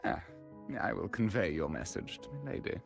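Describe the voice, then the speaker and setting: Gravelly, ceremonious butler. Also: male voice, sits low, lively intonation, fairly quick, soft background music. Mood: deferential, formal. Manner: obsequious, ceremonious formality. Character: courteous, formal butler serving a noble lady. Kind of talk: scripted video game dialogue.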